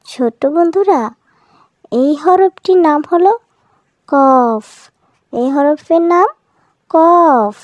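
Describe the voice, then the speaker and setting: A woman teacher sounds out letters and syllables for children at a very slow, deliberate pace, saying each one twice. Her voice sits high, and the recording is dry and close with no room sound. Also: no echo, lo-fi sound. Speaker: Quran reading teacher. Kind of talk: slow phonics drill for children. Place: voice-over for a cartoon lesson.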